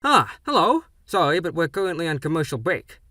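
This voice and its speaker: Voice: mid-range voice, very animated, normal speed, sharp tone, breathy edge, dry recording, studio quality, heavily acted. An actor voicing a theatrical, polite male TV talk show host in a game story, with music behind. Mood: polite, calm. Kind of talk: showy talk show presenting.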